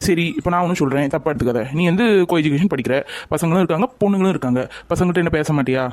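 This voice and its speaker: A man's voice: a little high, very fast, darkish tone, no room sound. A young man in a scripted romantic drama, talking with reproach and coaxing. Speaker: lover in a family skit.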